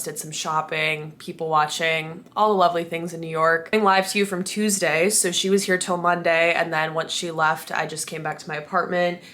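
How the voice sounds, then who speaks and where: A woman's voice: on the low side, bright, forceful tone. A young woman chatting casually to camera as a running vlogger, in an informal, chatty way. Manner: informal, chatty, mild swearing.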